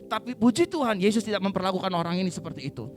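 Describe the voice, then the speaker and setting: A man with an Indonesian accent preaching a sermon in a church. He preaches with lively energy, cracks jokes, leads the congregation in call-and-response and acts out the voices in Bible stories. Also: sits high, rapid-fire, music in the background. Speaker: pastor.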